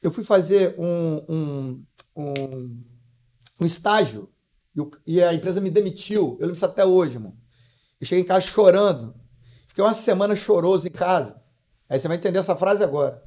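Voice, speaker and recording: A man's voice: high-pitched, expressive, moderate pace, dark tone. A young Brazilian man telling stories on a podcast in a blunt, slangy way. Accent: Brazilian Portuguese. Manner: blunt, slangy, calls listener brother. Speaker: real estate broker guest. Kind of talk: casual podcast storytelling.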